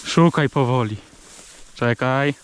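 Slow-talking man calling commands outdoors. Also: mid-range voice, slight background noise. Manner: short clipped commands, often called out. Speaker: hunter working his dogs. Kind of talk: field commands to hunting dogs. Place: outdoors in rural fields.

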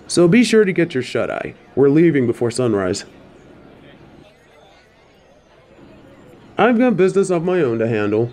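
A man acts in a fan audio drama as an easygoing, friendly travel driver in ancient China, keeping it casual and chatty. His voice sits on the high side with big pitch swings and a darkish tone, and he talks a little fast.

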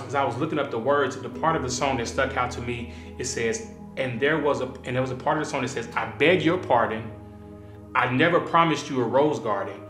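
A pastor in his thirties talks to the camera in a relaxed, unhurried devotional style, filling pauses with ums and uhs. His voice sits at a middle pitch. The room sounds roomy, and soft instrumental music plays underneath. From Kansas City area. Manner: relaxed, conversational, filler-heavy. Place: small indoor studio with desk.

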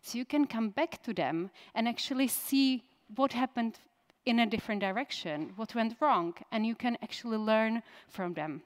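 A woman's voice: on the high side, moderate pace, hardly any pauses. A woman in her thirties, a native Czech speaker, giving a conference keynote in a direct style and putting questions to the audience. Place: conference stage.

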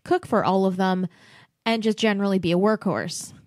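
A woman's voice: mid-range voice, moderate pace, no echo. Young woman podcast co-host, blunt and sarcastic, swears a lot, dry close recording. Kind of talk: casual film-discussion podcast chat.

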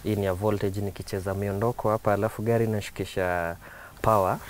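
A Kenyan man showing the interior of his modified car in a casual interview, eager and quick to say yes, recorded inside a parked car. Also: lowish voice, little pitch movement, noisy background. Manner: eager, repeats "yes" often. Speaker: car enthusiast guest. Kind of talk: casual interview, mixing English and Swahili.

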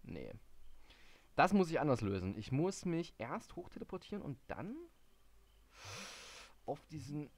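A man doing live game commentary, muttering in confusion, reading in-game hints aloud and breaking into sudden excited outbursts. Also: a little high, a little slow, pauses often, no room sound. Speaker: let's play gamer.

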